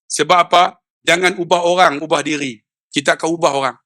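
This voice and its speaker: Middle-aged malaysian malay ustaz, high voice, acts out stories, swings low to loud peaks. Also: male voice, steady tone, a little fast. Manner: acts out quoted dialogue in storytelling. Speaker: religious preacher. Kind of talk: lively sermon.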